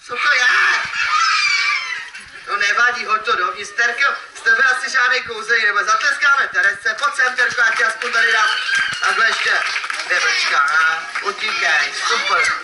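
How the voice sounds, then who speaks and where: A man's voice: sits high, loud music behind the voice. A man performing as a children's magician at a live event, playfully teasing the kids and calling out to the crowd. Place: event hall with audience. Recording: echoey, distant mic, noisy ambience.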